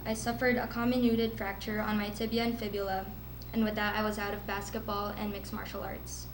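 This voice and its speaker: The girl, a Filipino teenager, speaks briskly at a medium pitch and in a level tone, giving her earnest prepared speech at a school event with occasional nervous laughs. A little hiss or hum sits under the recording, made in an echoey room with faint ambience.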